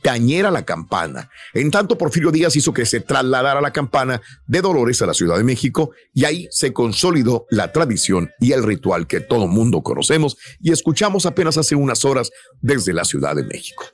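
A man's voice: medium pitch, sing-song, brisk, few pauses. A man with a Mexican Spanish accent, hosting a comedic radio show and telling a history story with a playful, laughing manner. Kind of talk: comedic morning radio banter.

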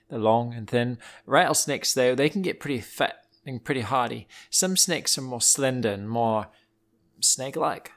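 With a mid-range, creaky, slightly bright voice, a playful man narrates animal stories for a children's podcast he hosts. He uses a theatrical put-on accent, telling the tales informally from beside a wood stove indoors.

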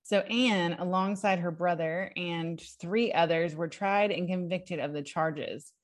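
A young adult woman, a podcast co-host, excitedly recounting history from notes in a casual chat, prone to giggles. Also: on the low side, unhurried.

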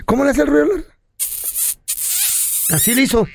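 A man's voice: very high voice, normal speed, creaky, background noise. A man co-hosting a show, telling stories with slangy jokes and frequent laughs. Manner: animated storytelling, slangy, laughs often. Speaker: radio show co-host. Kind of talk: joking Spanglish banter.

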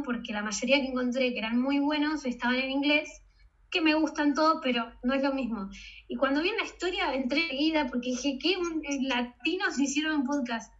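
A woman's voice: sits high, muffled recording. A woman in her twenties with an Argentine accent, chatting effusively as a podcast guest. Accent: Argentine Spanish. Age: 20s. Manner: effusive, animated storytelling. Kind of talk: casual podcast conversation.

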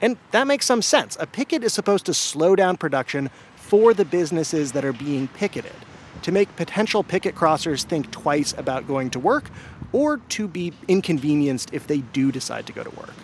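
A man's voice: fairly high pitch, moderate pace, a little hiss or hum. A man hosting a radio show, narrating a story in a scripted, storytelling way. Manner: lively, storytelling delivery.

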